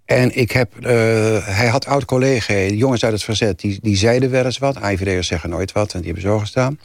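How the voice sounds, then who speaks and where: Animated older man telling stories. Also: fairly low pitch, a little fast, vocal fry, no room sound, studio quality. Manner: animated storyteller, rises when telling family anecdotes. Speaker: author guest. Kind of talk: radio interview, anecdotal storytelling.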